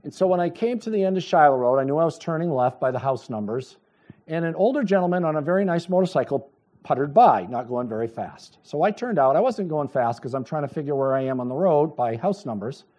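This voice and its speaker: Middle-aged guy preaching, lively up-and-down voice, acts out the story. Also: a little high, brisk, muffled recording. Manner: animated storytelling, acts out dialogue, chuckles. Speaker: pastor. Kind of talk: sermon with personal story.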